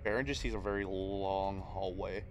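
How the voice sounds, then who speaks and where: A man with a Midwestern accent runs a tabletop game, his voice a little low. He halts, fills gaps with ums and circles back on himself as he describes the scene. A faint hiss sits under the recording. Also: steady tone. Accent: Midwestern American. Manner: halting, many fillers and restarts. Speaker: game master. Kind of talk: narrating a tabletop game stream.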